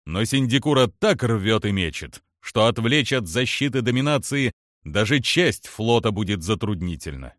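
A man's voice: lowish voice, animated, moderate pace, a bit bright, no room sound. A man voicing a wry veteran alien general. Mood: wry, guarded. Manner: dry, wry, guarded.

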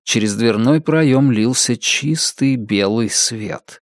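Slow, measured male audiobook narrator. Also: medium pitch, no echo, studio quality. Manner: measured, deliberate reading. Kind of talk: scripted narration.

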